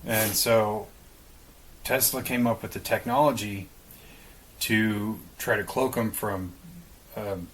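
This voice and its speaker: Casual low-voiced man explaining a story. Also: fairly even intonation, slow pace, pauses often, poor audio. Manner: casual, swears freely, speculative storytelling. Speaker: podcast co-host. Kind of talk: casual conversation.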